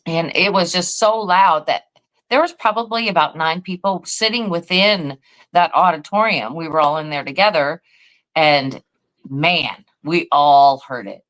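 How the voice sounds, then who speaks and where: Woman, tired, lower pitch, podcast co-host, paranormal investigator, rambling storyteller, lots of fillers. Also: a little slow, a bit bright, rough recording. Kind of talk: casual chat.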